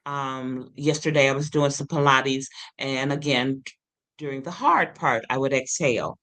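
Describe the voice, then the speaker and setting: This woman in her sixties has a bass voice, an unhurried pace and a lateral lisp. An occupational therapist and singer, she tells stories in a casual interview, animated and full of ums, acting out the quotes.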